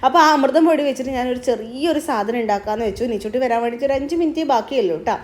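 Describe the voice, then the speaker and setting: A woman's voice: on the high side, very fast. A young woman, chatting casually through a home vlog and explaining her cooking and her day as she goes. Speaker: family vlogger and mother. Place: home, indoors.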